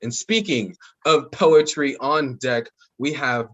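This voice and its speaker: A man hosts a poetry slam over a group video call, talking slowly in a casual, playful way. His voice sits at an ordinary pitch for a man. The call audio is muffled. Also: a bit bright. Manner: casual, laid-back, playful. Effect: heard over a group video call. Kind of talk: hyping up an online slam.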